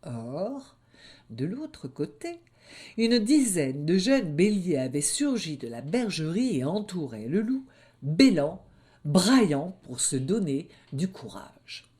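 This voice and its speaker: Slow, expressive woman storyteller. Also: on the low side. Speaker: narrator. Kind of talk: storybook reading.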